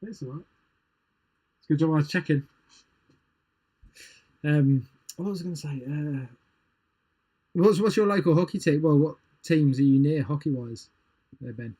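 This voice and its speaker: A man's voice: a little high, normal speed, pauses often, dark tone. A man, rambling and chatty as a co-host in a casual podcast chat, laughing easily.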